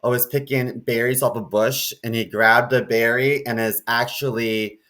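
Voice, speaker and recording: A man's voice: medium pitch, steady tone, measured pace, pushed and bright. A male podcast co-host with a mid-range voice tells cartoon memories in loose, rambling casual chat. He slips in crude jokes as he goes.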